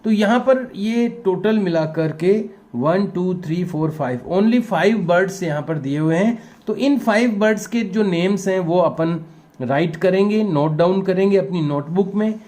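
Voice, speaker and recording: A man teaching a young class, slowly spelling out words letter by letter and giving patient handwriting instructions. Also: sits high, darkish tone. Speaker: primary school teacher. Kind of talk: slow classroom dictation lesson.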